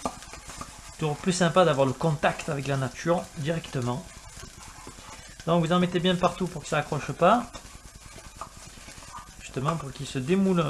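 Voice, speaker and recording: A man's voice: a little high, moderate pace, pauses often, slight background noise. A man talking casually through a home cooking demonstration, chatty with jokey asides while he works. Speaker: cooking video host.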